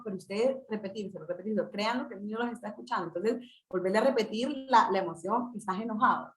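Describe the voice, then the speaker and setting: A woman's voice: fairly high pitch, fairly bright tone, reverberant. A woman giving an informal talk to parents, full of fillers and repeated words. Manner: conversational, many fillers and repeated words, acts out parent-child dialogue. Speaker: school parenting workshop speaker.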